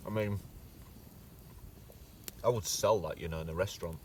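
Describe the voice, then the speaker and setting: Man, lowish voice, relaxed camping vlogger, joking food talk, distant mic outdoors. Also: normal speed, a little hiss or hum. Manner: chatty, joking, savoring food aloud. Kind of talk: casual talk to camera while cooking. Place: outdoors at a wild campsite by a fire. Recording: distant camera mic, faint outdoor ambience.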